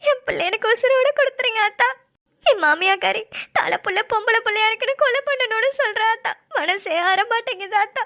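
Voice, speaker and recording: A woman's voice: very high voice, fairly quick, bright, forceful tone, heavily acted. Woman voicing a tearful pleading young mother. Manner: tearful, begging, calling out to her elder. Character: young village mother pleading for her newborn daughter. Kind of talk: cartoon voice acting.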